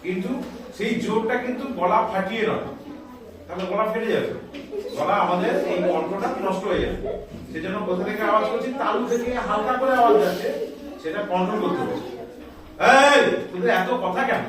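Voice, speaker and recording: A man's voice: high-pitched, a little fast, heavy reverb, recorded from a distance, a crowd in the background. A man teaching schoolchildren a music lesson, explaining step by step, calling out scale notes and scolding the chatty ones. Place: school classroom.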